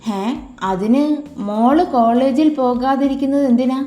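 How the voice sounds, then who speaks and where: A woman's voice: sits high, unhurried. A woman voicing a doting elderly mother who scolds affectionately and frets over her family. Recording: echoey room with soft music.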